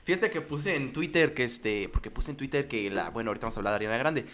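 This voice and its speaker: A man's voice: medium pitch, quick pace, fairly bright tone, slight background noise. A man with a Mexican accent co-hosting a podcast, chatting casually and teasing his co-host with playful jokes. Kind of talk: casual chat.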